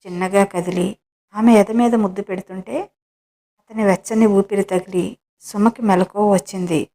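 Woman storyteller, measured scripted narration of a romance. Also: mid-range voice, steady tone, warm tone.

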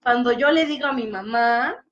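A high-pitched woman talks casually about a book, animated and playing out little voices as she goes. The sound is dull and lo-fi, with faint music underneath. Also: moderate pace. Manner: expressive, acts out quoted voices. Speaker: book discussion host.

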